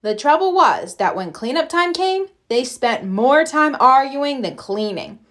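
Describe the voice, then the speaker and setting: A woman narrating a children's storybook aloud in an expressive read-aloud style. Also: sits high, measured pace. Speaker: storybook reader.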